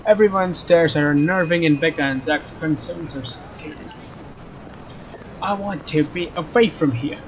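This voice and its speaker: A young man with a slightly high voice narrates gameplay at normal speed, giving story text a dramatic reading and adding casual comments. His mic sounds a bit dull over faint game music, with slight background noise.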